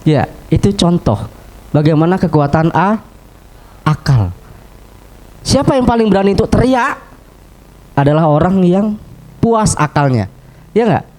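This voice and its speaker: A man's voice: sits high, long pauses. A man giving a lecture as an Islamic preacher in a mosque, chatty and asking his audience questions. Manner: lively, chatty, asks the crowd questions.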